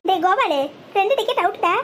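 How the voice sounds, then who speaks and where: A performer doing a gloating onlooker, squeaky. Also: male voice, expressive, fast talker, background noise. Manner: mocking, gloating. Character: gleeful male onlooker keeping score.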